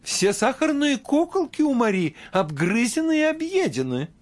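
A man's voice: extremely high pitch, big pitch swings, normal speed, voice pushed up. A man putting on an alarmed mother. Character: alarmed mother, grown woman.

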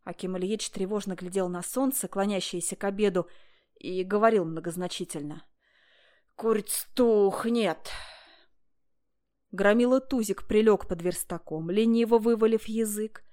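Woman, storybook narration, calm steady reading, middle pitch. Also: normal speed. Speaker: reader.

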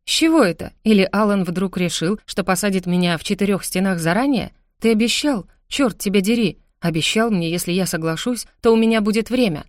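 A woman's voice: mid-range voice, brisk, hardly any pauses, no room sound, clean studio sound, lightly acted. A woman voicing a defiant, indignant young red-haired woman who protests sharply.

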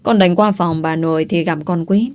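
A woman's voice: fairly low pitch, steady tone, moderate pace, darkish tone, lightly acted. A woman voicing a polite young daughter who reports to her parents. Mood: prim.

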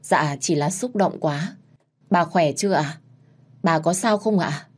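A woman's voice: lowish voice, a little slow, husky. Woman playing an anxious polite young heroine.

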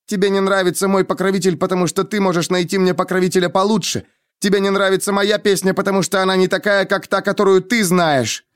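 A male audiobook reader voicing a proud, quick-tempered young woman who speaks in a sharp, scornful, heated way. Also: high-pitched, flat delivery, clean tone, no echo, studio quality, pitched above the performer's own voice, natural voice. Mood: furious. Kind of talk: audiobook character reading.

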